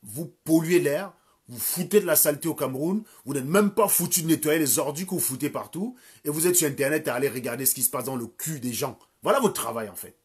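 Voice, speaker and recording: A livestream commentator in his thirties rants crudely and scornfully from home, hurling insults. His voice is fairly high and slightly rough, and he talks a little fast.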